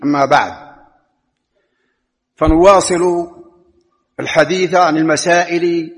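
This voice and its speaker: A man with a Moroccan accent delivering a Friday sermon in a mosque, measured and emphatic, rising in pitch to stress points. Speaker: preacher. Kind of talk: Friday sermon with religious rulings. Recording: long reverb of a large hall.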